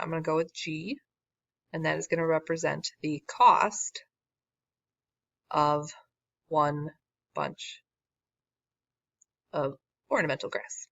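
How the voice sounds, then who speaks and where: In a recorded lesson, a female math teacher walks through a word problem casually and wryly, making self-deprecating asides as her voice gives out. She speaks low and a little slowly, pausing often, with little pitch movement and a fairly bright tone; the lo-fi audio is dull, dry and echo-free.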